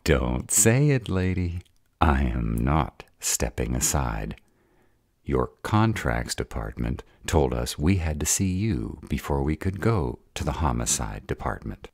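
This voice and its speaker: This audio roleplay has a man performing a hot-tempered were-dragon, his deep, gravelly voice an extremely low, creaky growl with big pitch swings. Gruff, sarcastic and protective, he grumbles in an exasperated, angry way, a little slow and slightly mellow, in an exaggerated voice. The recording is dry, with clean studio sound.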